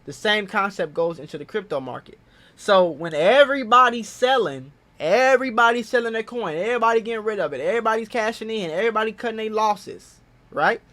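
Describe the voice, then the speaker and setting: A man's voice: high-pitched, animated, fairly quick, pushed and bright. A man hosting a casual investing explainer, talking in an emphatic, repetitive and self-assured way. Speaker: finance video host.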